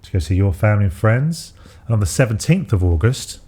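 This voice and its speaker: A man's voice: on the low side, big pitch swings, brisk, warm tone, husky. A man co-hosting a podcast in casual chat, rambling with many fillers and restarts. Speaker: podcast co-host.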